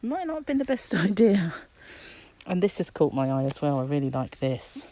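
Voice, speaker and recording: A woman's voice: fairly low pitch, sing-song, moderate pace, dark tone. A middle-aged British woman chats casually while shopping, musing aloud, her voice muffled by a face mask. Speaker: crochet vlogger. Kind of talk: casual shopping vlog, chatty commentary. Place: inside a shop aisle. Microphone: handheld phone, behind the camera. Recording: background noise, shop ambience.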